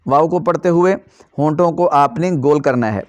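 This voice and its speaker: A man teaching Quran reading who chants letter drills slowly and explains quickly in between. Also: fairly high pitch, no echo, highs cut off. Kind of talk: slow drilled recitation lesson.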